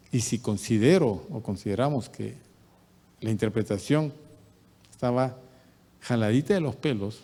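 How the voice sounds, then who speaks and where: A man preaching a midweek sermon as pastor, swinging from loud bursts down to quiet asides. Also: medium pitch, long reverb tail. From Peru. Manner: animated preaching, rising loud bursts and dropping to near-mutters. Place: church hall.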